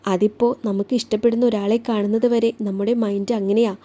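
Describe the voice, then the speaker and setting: A woman voicing a young male police officer who speaks quietly and gently in a romantic audio story. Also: mid-range voice, level tone, a little fast, dull audio, natural voice. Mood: tender.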